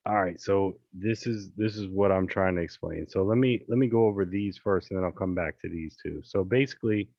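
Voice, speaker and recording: A man coaching on a casual screen-share call, chatty and relaxed, with many fillers and restarts. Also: deep voice, a little fast, few pauses, dry recording, highs cut off. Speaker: real estate investing coach. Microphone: video call.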